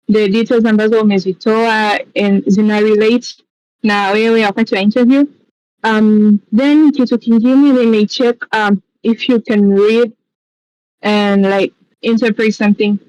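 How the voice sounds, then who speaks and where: A woman's voice: medium pitch, darkish tone, no room sound, lo-fi sound. A woman with a Tanzanian accent, a scholarship mentor giving encouraging seminar advice over a video call. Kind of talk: seminar talk mixing English and Swahili.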